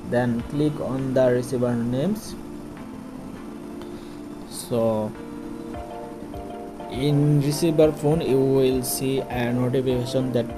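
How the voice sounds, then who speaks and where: A man who speaks English as a second language, hosting an informal how-to voice-over in halting, repetitive phrasing with frequent self-corrections. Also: mid-range voice. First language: not English. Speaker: tutorial host.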